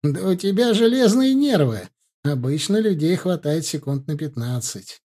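A man's voice: on the high side, expressive, moderate pace, darkish tone. A man doing a cocky, mocking young student. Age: young adult. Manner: mocking, teasing.

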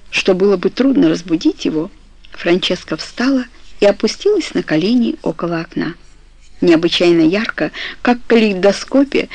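A woman narrating an audiobook in a calm, measured, soft storytelling manner, recorded dry and close. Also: medium pitch, dry recording, poor audio.

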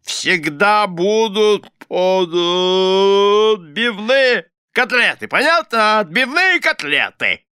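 Storybook bully husband, booming and bright, voiced by a male reader. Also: expressive, clean tone, no echo, clean studio sound, exaggerated voice. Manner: loud, slow, booming commands. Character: blustering bullying middle-aged husband.

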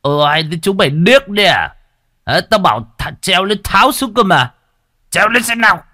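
A man's voice: extremely low pitch, big pitch swings, very slow, gravelly, bright, forceful tone, no room sound, clean studio sound, voice pushed down, exaggerated voice. A man voicing a crude, heartless old village chief who curses and barks orders with contempt. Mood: furious yelling. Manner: barking, cursing, contemptuous. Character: cruel, crude old male village chief, pompous and foul-mouthed.

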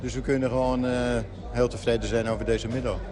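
A man, a football coach, giving a post-match interview outdoors, speaking deliberately with many hesitant pauses. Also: medium pitch, level tone. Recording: outdoor interview with crowd behind.

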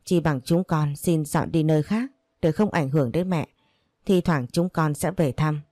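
A woman voicing a grown son who pleads softly with his mother. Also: sits low, moderate pace, no room sound, clean studio sound. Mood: pleading. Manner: soft, pleading.

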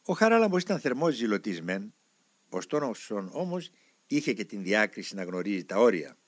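A man narrates a written life story with measured, expressive delivery. His pitch rises and falls in a lively way. The recording is dry and close, with no room sound. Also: no room sound. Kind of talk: scripted narration.

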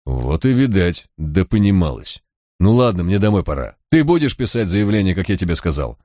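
A man's voice: low voice, sing-song, normal speed, darkish tone, no room sound, studio quality. A man voicing a shrewd, cocky male police detective who talks in a mocking, coaxing drawl. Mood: coaxing mockery.

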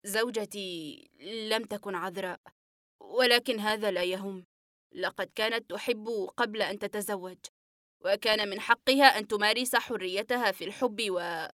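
A woman's voice: fairly high pitch, moderate pace, clean tone, no echo, clean studio sound. A woman reading the part of an agitated male patient in an audiobook, breathless and trembling as she voices him. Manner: breathless, trembling, flaring into shouts.

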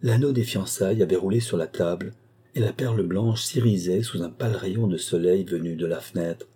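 A man reading a literary novel aloud as an audiobook narrator, in a measured, even storytelling manner. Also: low-pitched, husky.

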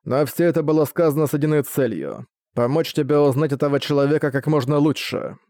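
A cold, scheming old ninja commander, as a male audiobook reader puts him on, speaking evenly with an icy edge. The voice is mellow and low-key, recorded dry and close. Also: quick pace, dry recording, natural voice. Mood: cold, level. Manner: level, icy delivery.

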